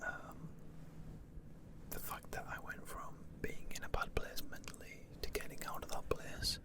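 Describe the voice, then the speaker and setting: Casting: ASMR host from the UK, fully whispered Q&A delivery, breathy, chatty and playfully self-mocking. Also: a little slow. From United Kingdom. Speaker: ASMR creator answering viewer questions.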